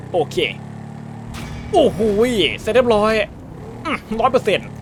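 A man's voice: high-pitched, fairly bright tone, slight background noise. A man giving crude, joking let's-play commentary, swearing freely and dubbing the game's dialogue in his own voice. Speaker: gaming YouTuber.

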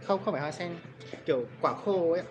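Casting: young male waiter, quick casual talk, slightly high voice, faint music behind. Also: lo-fi sound. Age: young adult. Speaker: restaurant waiter. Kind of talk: casual chat with a customer. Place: inside a restaurant. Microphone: standing by the customer's table camera.

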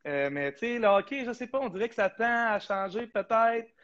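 A man's voice: high voice, animated, fairly quick, fairly bright tone, highs cut off. Easygoing Québécois man, podcast guest. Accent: Québécois French. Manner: easygoing, hesitant with many fillers. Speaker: podcast contributor. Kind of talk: casual podcast chat.

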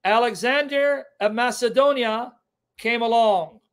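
This is a clean-toned, extremely high-pitched man's voice, a little slow. He is a middle-aged native Syriac speaker teaching apologetics on a live stream from his kitchen at home, emphatic and repeating key terms via webcam.

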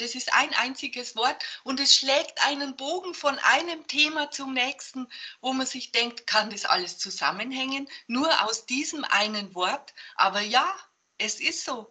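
A woman's voice: sits high, bright, forceful tone, husky. A woman speaking on a video call, chatting with enthusiasm and wonder. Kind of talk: casual chat on a video call.

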